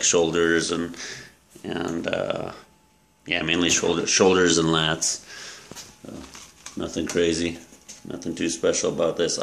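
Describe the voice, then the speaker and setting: A man in his thirties, a fitness coach, casually walking through his gym bag in a relaxed, rambling way with many fillers, filmed at arm's length in a small room. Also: sits low, creaky. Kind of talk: casual gear walkthrough vlog. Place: small room with yellow walls, indoors. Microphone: handheld camera at arm's length.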